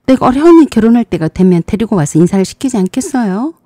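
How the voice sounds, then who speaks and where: A woman's voice: fairly high pitch, big pitch swings, fast, mellow, no echo, clean studio sound. A woman voicing a proud, defensive younger sister in her forties in a storybook drama, with a sulky, insistent way of pleading.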